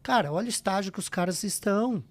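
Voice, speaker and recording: A man with a Brazilian accent and a somewhat high voice speaks as a podcast guest. He has a slight tongue-tie and lays out motivational advice emphatically, point by point, with rhetorical questions. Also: normal speed. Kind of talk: motivational advice in a casual interview.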